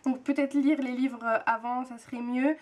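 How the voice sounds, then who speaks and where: A woman's voice: high-pitched, steady tone, normal speed, darkish tone. A young woman from France chatting casually to her viewers, hesitant with many fillers and repeated words. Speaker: book and TV vlogger. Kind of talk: casual chat to camera.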